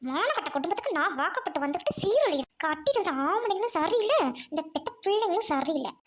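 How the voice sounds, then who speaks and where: Someone voicing a shrill scolding cartoon mother. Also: big pitch swings, fast, slight background noise. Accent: Tamil Nadu. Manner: shouting, nagging, wailing. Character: angry scolding middle-aged mother. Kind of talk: cartoon voice acting.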